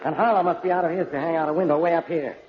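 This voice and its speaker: An actor playing an irritable, skeptical, blustery police inspector in a 1940s radio drama. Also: male voice, on the high side, fairly even intonation, racing, lightly acted. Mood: scornful, exasperated. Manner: blustery, sarcastic. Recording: muffled, noisy old radio recording.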